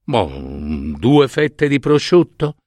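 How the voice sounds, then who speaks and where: A man's voice: mid-range voice, very animated, takes it slowly, no echo. A man voicing a kindly, homely shoemaker's wife in a storybook tale, raising his voice to sound like her. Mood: gentle. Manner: gentle, homely, questioning. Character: kindly poor shoemaker's wife, middle-aged woman.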